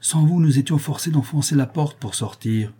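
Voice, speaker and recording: A man's voice: a little high, moderate pace, mellow, slightly rough, pitched above the performer's own voice. A man reading a novel aloud, voicing a flustered middle-aged villa host who exclaims with relief. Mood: relieved. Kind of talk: audiobook character voice.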